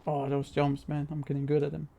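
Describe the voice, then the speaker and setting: A man's voice: on the high side, completely flat delivery, a little fast, creaky, mellow. A man giving casual, playful and slangy live commentary while he streams a video game.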